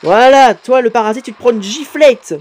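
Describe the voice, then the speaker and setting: A man commenting live on videos his subscribers made, excitable and quick to exclaim and swear. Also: extremely high pitch. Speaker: YouTuber reacting to fan animations.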